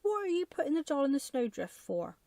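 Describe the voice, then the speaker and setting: A bewildered, devoted husband from a bedtime storybook, played by a woman. He sounds plaintive and emotional, lifted higher than the reader's own voice. The soft ASMR delivery is dry and close. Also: sing-song, fairly quick, creaky, no room sound, full character voice. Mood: puzzled. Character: anxious, tearful, devoted husband, easily bewildered.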